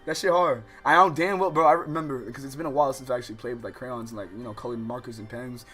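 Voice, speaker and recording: Livestreaming a visual novel, a man swings between reading the game text aloud and casual, slangy reactions full of loud, animated outbursts. His voice is medium-pitched and he talks fast, with soft music in the background.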